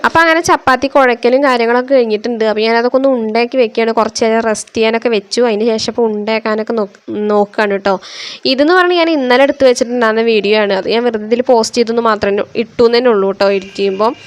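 A young woman from Kerala talks quickly through a home vlog voice-over. Her voice sits a little high, and her delivery is chatty and homely. She recorded it at home. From India (Kerala). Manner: chatty, homely, reassuring tag endings. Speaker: family vlogger.

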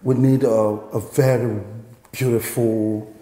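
An actor playing an impatient, lecherous film director holding auditions. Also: male voice, mid-range voice, flat delivery, takes it slowly, close to an everyday voice. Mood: flirting. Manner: soft-spoken, bursts into shouting. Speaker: casting director. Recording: echoey room with faint hiss.

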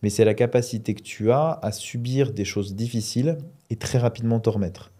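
Relaxed dark-voiced man chatting. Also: mid-range voice, a little fast. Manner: relaxed, rambling with many fillers. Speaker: podcast co-host. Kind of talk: casual podcast chat.

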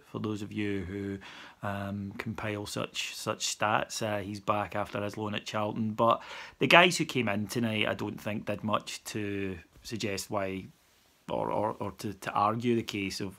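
A man with a fairly low, creaky voice and a sharp tone delivers a dry, wry post-match reaction as a podcast host. He's recorded in a small room on a phone camera held at arm's length.

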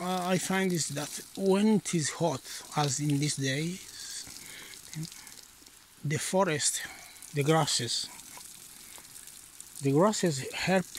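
A middle-aged man for whom English is not his first language gives a casual walk-through of his outdoor vegetable garden, often pausing to search for words. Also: fairly high pitch, slight background noise. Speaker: gardener vlogger. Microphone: handheld phone camera.

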